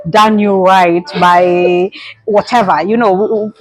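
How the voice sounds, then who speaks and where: A woman's voice: medium pitch, fairly even intonation, a little slow, no room sound, low-quality recording. A woman hosting a casual interview channel, encouraging and easygoing, with frequent fillers. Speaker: host.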